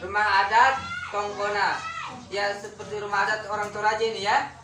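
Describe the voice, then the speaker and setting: A woman's voice: mid-range voice, little pitch movement, a little fast, noisy background. A woman teaching a classroom lesson, firing questions at her pupils and repeating key words. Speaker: schoolteacher. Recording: roomy classroom heard from a distance.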